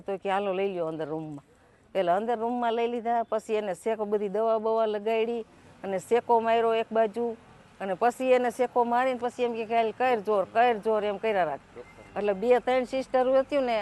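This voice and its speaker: A woman's voice: mid-range voice, a little mellow. A woman speaks, relating events to a news interviewer at length. She rambles and keeps quoting what others told her, in an unpolished everyday way. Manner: rambling, repeats quoted speech. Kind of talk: emotional spoken account.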